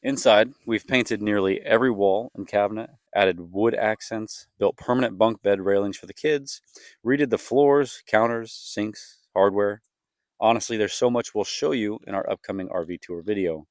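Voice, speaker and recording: A man's voice: on the low side, moderate pace, no room sound. A young man reading a scripted vlog voice-over as an earnest storyteller. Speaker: family vlogger, co-host.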